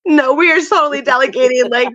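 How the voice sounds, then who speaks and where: A woman's voice: high voice, quick pace, a bit bright, no room sound. Chatty woman on a muffled line. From Chile. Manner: chatty, laughs often, rambling with restarts. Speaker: guest, stepmother of a large household. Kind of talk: casual chat.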